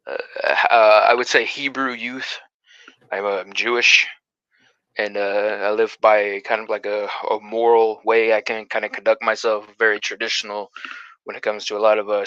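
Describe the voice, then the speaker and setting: Guy in his twenties calling in, lots of ums, low-ish voice, muffled lo-fi audio. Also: sharp tone, clean tone, no echo. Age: 20s. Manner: hesitant, many fillers. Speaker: guest. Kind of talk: casual call-in chat. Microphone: remote call. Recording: dull lo-fi call audio.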